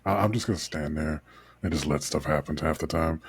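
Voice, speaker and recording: A man's voice: a bass voice, fairly quick. A man hosting a casual podcast chat, rambling with fillers and laughing easily. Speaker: podcast host.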